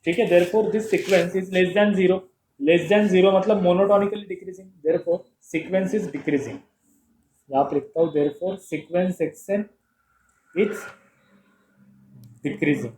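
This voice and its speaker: A man's voice: high voice, a little mellow, a little hiss or hum. Man teaching math, echoey room. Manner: explains step by step with rhetorical questions; playful, calls terms "bhai sahab". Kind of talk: blackboard math lesson.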